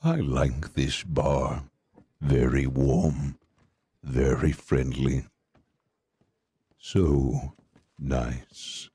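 A man playing a creepy, starving Wild West mortician in game roleplay, with a deadpan, deliberate, formal delivery and a husky voice. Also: no echo, exaggerated voice. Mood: creepy, slow. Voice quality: very deep, husky. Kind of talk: improvised game roleplay in character.

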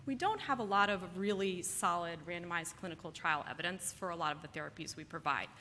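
Female medical presenter, conversational lecture style, crisp-edged bright tone, echoing hall with clear background noise. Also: fairly low pitch. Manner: conversational, engages audience with questions. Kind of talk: conference lecture. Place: large indoor presentation room.

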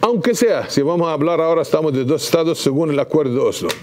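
A man, speaking as an ambassador guest in a TV studio, impassioned and halting with restarts. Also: a little high, animated, a little hiss or hum. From Palestine. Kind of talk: TV studio interview. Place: TV news studio.

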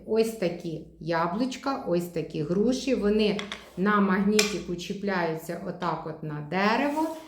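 Woman speech therapist at mid pitch, chatty, drills syllables slowly; roomy, echoing sound. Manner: models syllables with slow, stretched repetition; chatty, explains while showing toys. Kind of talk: demonstration lesson. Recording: echoey room.

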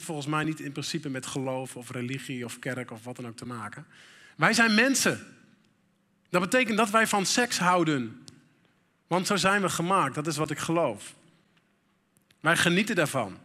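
A man's voice: on the high side, pushed and bright. A middle-aged man preaching a sermon in a church, candid and conversational, with frequent fillers. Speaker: pastor. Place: church hall. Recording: reverberant church hall.

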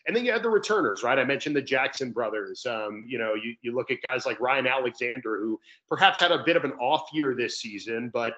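Joining a video call from indoors as a guest announcer, a young man breaks down sports in a chatty way. He speaks at medium pitch, animated and brisk with few pauses and a sharp tone, through a call mic that sounds dull and slightly lo-fi.

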